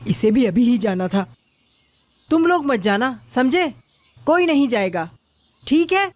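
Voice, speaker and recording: An actress dubbing a fussy, bossy aunt who scolds everyone about cleanliness in a TV drama. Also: female voice, a little high, big pitch swings, unhurried, a little hiss or hum. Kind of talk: dubbed drama. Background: music.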